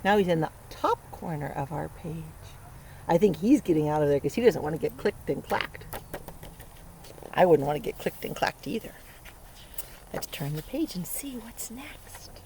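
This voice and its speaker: A woman sits low in her range with some vocal fry as she reads a picture book to young children outdoors at a lakeside. As an early learning teacher, she makes it interactive, asking questions, playfully acting out the sound words and reading expressively. The audio carries steady outdoor ambience by the water.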